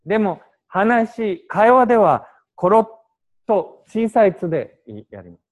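Guy teaching a language class, mixes in english words, lively bouncy delivery. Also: high voice, a little slow. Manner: animated, explains with examples and short English glosses. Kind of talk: classroom lecture mixing Japanese and English.

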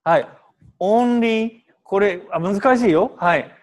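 A man's voice: high voice, animated, a little slow. A man teaching an English translation class in Japanese, prodding students with questions and switching into English.

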